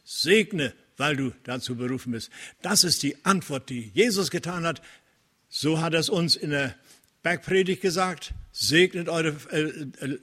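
Earnest German-speaking male preacher. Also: a little high. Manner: earnest, preaching with Bible quotes, occasional restarts and hesitations; slows down and gets louder to stress key phrases. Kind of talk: sermon.

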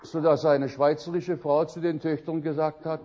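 An older man preaching a sermon, telling stories with lively swings between loud outbursts and quiet musing. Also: on the high side, normal speed, muffled recording.

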